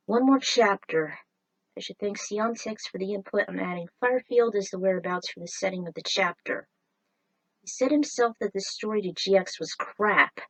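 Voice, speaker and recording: A woman reads fan fiction aloud in a mid-pitched voice and breaks off now and then for eager, chatty comments. She sits a little back from the mic, and the room sounds dry and dead. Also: dry recording, distant mic, rough recording. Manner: enthusiastic, chatty asides between passages. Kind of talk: reading fan fiction aloud with casual asides.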